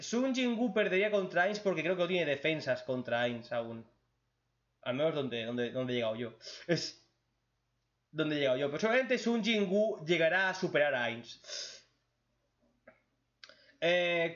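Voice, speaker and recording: Reading viewer questions aloud, a blunt man cracks crude jokes in his answers during a laid-back chat. His voice is fairly bright in tone and a little high for a man, captured in a dull, lo-fi recording.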